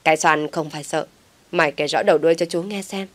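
A woman's voice: sits low, steady tone, quick pace. A woman voicing a scheming older uncle who feigns concern and scolds. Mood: scolding. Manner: scolding, sly.

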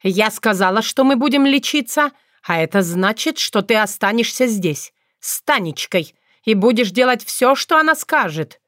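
A woman's voice: medium pitch, animated, normal speed, no echo, clean studio sound, lightly acted. A woman voicing an elderly fox grandmother who sounds sugary and then snaps into stern, domineering commands. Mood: bossy. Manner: honeyed then sharply bossy. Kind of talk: audiobook character voice.

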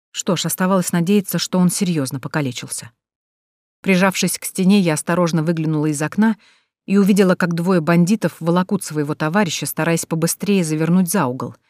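A woman's voice: on the low side, brisk, darkish tone, no echo, studio quality. A woman reading a first-person audiobook with tense, dramatic storytelling. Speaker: audiobook narrator.

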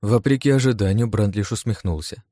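A man reading a first-person adventure audiobook in a steady, measured storytelling voice. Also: lowish voice, dry recording, clean studio sound. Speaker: audiobook narrator. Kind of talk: first-person scripted narration.

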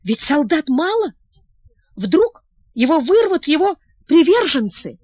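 A woman's voice: high-pitched, very animated, slow pace, a little mellow, dry recording, pitched above the performer's own voice, full character voice. A woman reading the part of an anxious, tearful young princess who pleads and asks breathless questions. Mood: excited.

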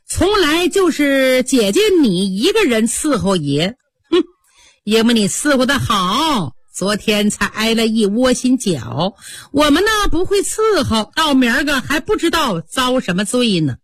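A jealous young maid, her sarcasm shrill and biting, as a woman storyteller puts her on. The voice leaps high and swings widely, a little husky, close and dry. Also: very animated, measured pace, no echo, exaggerated voice. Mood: sneering. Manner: sneering, sarcastic.

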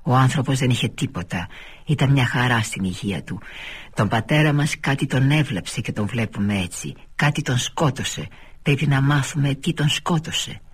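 A man voicing an agitated, grieving grown son in a radio reading of a novel, insistent and husky. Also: medium pitch, expressive, pitched above the performer's own voice. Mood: distraught.

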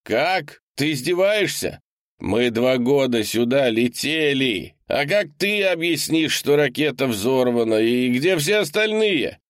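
A man voicing a desperate, freezing male geologist who is shouting and pleading to be let in, in an audiobook. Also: medium pitch, animated, slow pace, no echo, clean studio sound, pitched above the performer's own voice.

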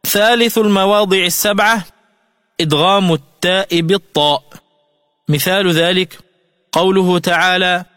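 A man giving a slow, scripted tajweed lesson on the radio, explaining rules and chanting melodic examples. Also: high voice, fairly even intonation, pushed and bright, no echo, clean studio sound. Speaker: Quran recitation teacher. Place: radio studio.

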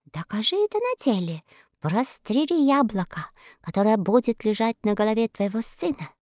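A woman's voice: a little high, big pitch swings, moderate pace, a little mellow, dry recording. Mean bossy village chief, woman reader, dry audio. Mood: mocking. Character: cruel, spiteful male village head. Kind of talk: storybook reading.

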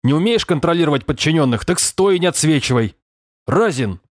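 A man's voice: fairly high pitch, expressive, a little fast, no echo, clean studio sound, voice pushed up. A man voicing a furious, stout middle-aged police lieutenant colonel who scolds with bellowing sarcasm. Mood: raging.

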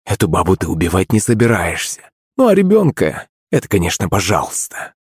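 A man voicing a sharp-tongued, imperious middle-aged princess in an audiobook, speaking in a cold, cutting, scolding tone. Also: low-pitched, huge pitch swings, fairly quick, slightly rough, no echo, studio quality, heavily acted. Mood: scornful. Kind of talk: audiobook character voice.

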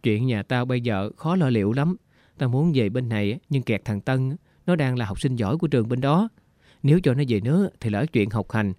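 A frail, homesick woman who is ill speaks in a plaintive, weary way, read by a man. The voice sits at an ordinary middle pitch. The sound is dry and close, like a storybook audio reading. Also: warm tone, no echo, natural voice.

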